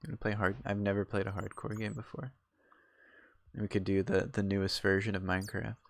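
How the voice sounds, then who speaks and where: A man's voice: fairly low pitch, completely flat delivery, a little fast, gravelly, no echo, clean studio sound. A young man streaming a game, chatting casually in a rambling way full of fillers and restarts. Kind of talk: casual chat while gaming.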